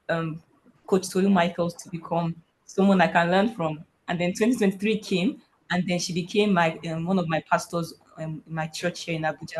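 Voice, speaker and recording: A woman's voice: lowish voice, slight background noise, rough recording. A woman from Nigeria, a panel guest on a video call, telling her story with earnest, faith-filled conviction. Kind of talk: personal testimony on a video call.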